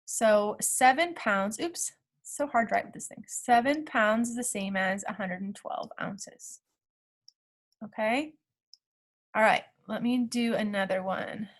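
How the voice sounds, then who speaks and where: A woman's voice: mid-range voice, measured pace. A woman teacher talking through math problem steps aloud in a recorded lesson, checking in with the class as she goes.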